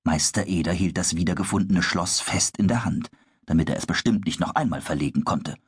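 A man narrating a children's story in a calm, measured storytelling manner. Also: low voice, husky, no echo, clean studio sound.

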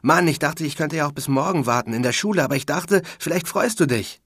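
A man reading the lines of an excited teenage boy who gushes and rushes his words. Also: fairly high pitch, slightly rough, dry recording, clean studio sound, pitched above the performer's own voice. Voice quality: breathless, gushing, rushes words.

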